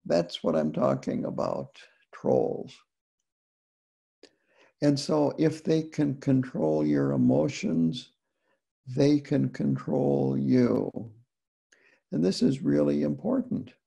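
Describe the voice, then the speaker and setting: Buddhist teacher guy giving a dharma talk, raspy gravelly voice, takes his time, lots of pauses. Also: medium pitch, expressive, dark tone. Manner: unhurried, deliberate, with frequent pauses.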